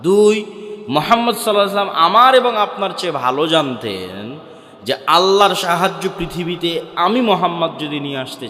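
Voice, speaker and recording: A man's voice: on the high side, pushed and bright. A man with a Bangladeshi Bengali accent preaching a sermon, asking questions and answering them himself. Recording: echoey hall.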